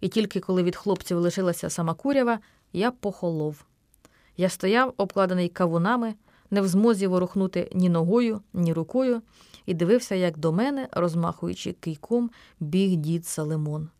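A woman narrating a children's story aloud, lively and acting out the characters. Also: on the low side, moderate pace, no room sound, clean studio sound.

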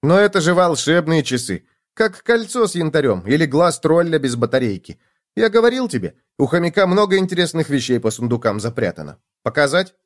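A man voicing a cheerful, talkative male gopher in a children's storybook, speaking higher and brighter than his own voice. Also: big pitch swings, fairly quick. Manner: bright, chatty, raised pitch. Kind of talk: storybook reading.

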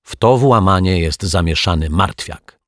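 A man's voice: low-pitched, measured pace, no echo, clean studio sound. A man voicing an anxious, earnest male detective who talks in a startled, stammering way, in a storybook. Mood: urgent.

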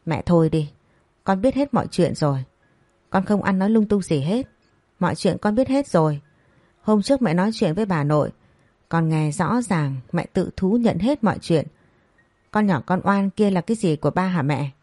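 A woman's voice: fairly low pitch, lively intonation, normal speed, a little mellow, no room sound. A woman voicing a spoiled, defiant young woman who sneers at her family, in a storybook reading.

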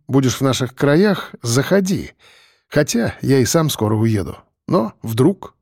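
A man's voice: medium pitch, darkish tone, no echo, studio quality. A man voicing an evasive middle-aged officer who covers awkwardness with forced friendliness.

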